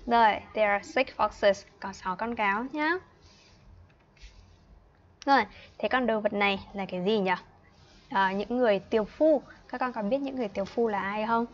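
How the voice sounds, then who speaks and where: Northern vietnamese woman in her 20s teaching little kids english online, says words slow and clear, kinda muffled sound. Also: medium pitch. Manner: patient, repeats words slowly for children; chatty and playful, laughs often. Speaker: English teacher for young children. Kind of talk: online livestream class.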